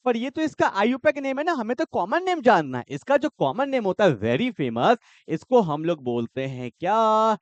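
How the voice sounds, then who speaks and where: Animated male chemistry teacher. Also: sits high, moderate pace, no room sound, muffled recording. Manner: animated, quizzing students with repeated questions. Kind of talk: exam-prep lecture.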